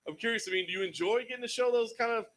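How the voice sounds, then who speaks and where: A man's voice: very high-pitched, racing, fairly bright tone, a little hiss or hum. A man asking a fighter questions at a post-fight press conference, friendly and conversational. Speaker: interviewer.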